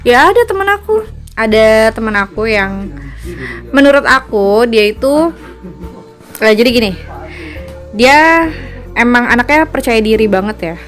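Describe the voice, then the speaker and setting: A young woman speaks in a relaxed, thoughtful way, with plenty of fillers, as a podcast co-host. Her voice sits a little higher than most women's. Soft music plays faintly underneath. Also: measured pace, long pauses. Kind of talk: casual chat.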